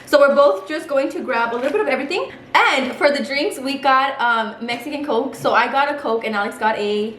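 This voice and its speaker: A woman's voice: high-pitched, fairly quick, hardly any pauses, a bit bright, echoey room, slight background noise. A young woman from El Paso chatting casually on her vlog over a meal, slipping Spanish words into her English. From El Paso, Texas. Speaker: beauty vlogger. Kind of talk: casual chat during a mukbang. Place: home room set up as a small studio.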